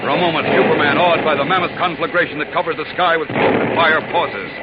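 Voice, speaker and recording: An actor narrating a 1940s radio adventure serial in an urgent, declamatory style. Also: male voice, fairly high pitch, fast talker, very noisy, close to an everyday voice. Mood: urgent, dramatic. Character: dramatic adventure-serial announcer. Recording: muffled old radio, loud music behind.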